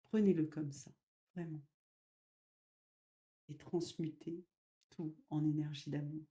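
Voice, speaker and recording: A woman medium giving a spiritual live talk, gentle and slow, with sudden loud emphasis and soft drops. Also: low voice, fairly even intonation.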